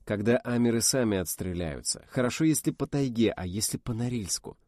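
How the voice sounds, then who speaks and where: A man's voice: medium pitch, animated, a little fast, mellow, dry recording, studio quality, natural voice. A man voicing a grim, tense space-station commander in an audiobook, speaking tersely.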